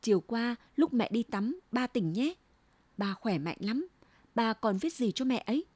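A woman's voice: fairly high pitch, very animated, unhurried, a little mellow, dry recording. A woman voicing a small girl who pleads tearfully with her mother in a story reading. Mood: eager. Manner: pleading, sobbing.

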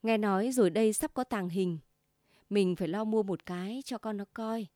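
A woman's voice: mid-range voice, moderate pace, dry recording, clean studio sound, natural voice. Woman doing a quarrelsome wife. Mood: chatty. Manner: sharp, scolding. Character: plump middle-aged wife, quarrelsome know-it-all.

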